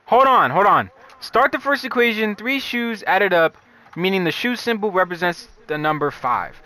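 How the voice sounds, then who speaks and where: A man's voice: high voice, animated, normal speed, bright, forceful tone. A young man with a slangy, playful frat-bro manner, chatting casually and reading puzzles out to his friends. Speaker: riddle reader in a friend group.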